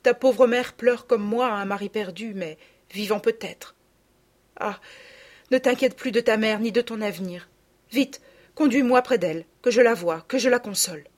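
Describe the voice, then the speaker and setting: A woman's voice: on the high side, normal speed, voice pushed up, natural voice. A woman voicing a kindly, emotional aristocratic lady who speaks earnestly in a storybook reading. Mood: moved, urgent.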